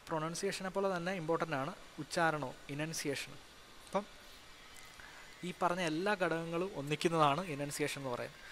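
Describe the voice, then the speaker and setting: A man giving a college lecture. He reads textbook lines slowly and carefully, then explains them more loosely, with frequent hesitations and restarts. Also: on the high side, a bit bright, slight background noise, low-quality recording.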